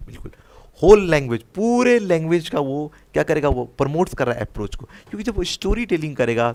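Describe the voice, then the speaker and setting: A man's voice: medium pitch, darkish tone. A young man with an Indian English accent teaching an online exam-prep lesson. He explains each answer, mixes in English phrases and keeps checking in with listeners. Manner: explains answers, mixing Hindi with English phrases, often asks "है ना?".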